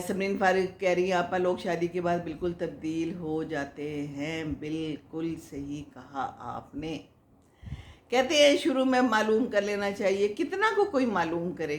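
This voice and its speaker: An older woman hosting a casual advice talk, answering viewer comments in a chatty, motherly, moralizing way and laughing often. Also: mid-range voice. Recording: echoey room.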